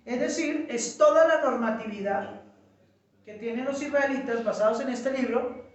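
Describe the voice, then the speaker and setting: A man teaching a small group in a relaxed way, explaining step by step and checking in with his listeners. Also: extremely high pitch, normal speed. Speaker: Bible study teacher. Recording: echoey room, mic far off.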